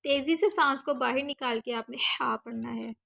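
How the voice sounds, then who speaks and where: A woman teaches Quran recitation. Her voice sits high, and she explains each sound patiently, spelling out letters and vowel marks one at a time. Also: gravelly, bright, forceful tone. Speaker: online Quran tajweed teacher. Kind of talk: recitation lesson with slow demonstrations.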